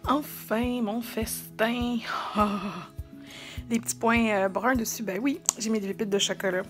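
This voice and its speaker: A woman's voice: on the high side, unhurried, music in the background. A woman in her thirties with a Quebec French accent, chatting casually and informally to her vlog viewers in a self-deprecating way. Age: 30s. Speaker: vlogger. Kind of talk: casual vlog chat to camera.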